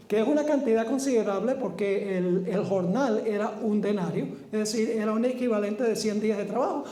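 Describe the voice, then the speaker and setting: A man's voice: very high voice, darkish tone. A man preaching a sermon, often putting rhetorical questions to his listeners. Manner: asks the audience rhetorical questions. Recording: roomy echo.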